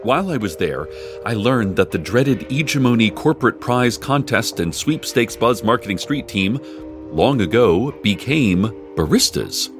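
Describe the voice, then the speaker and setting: An actor playing a wry male community radio host in a scripted radio drama, speaking in a dry, deadpan way. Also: unhurried, over music. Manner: dry, deadpan delivery with lively swings in pitch.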